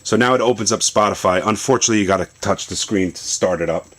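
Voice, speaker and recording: Deep-voiced male tech vlogger, easygoing explainer, talking through a gadget demo at home. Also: fast talker, a little hiss or hum. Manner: relaxed, explanatory, loosely rambling. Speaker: tech vlogger demonstrating a phone setup. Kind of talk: casual product demo. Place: home basement.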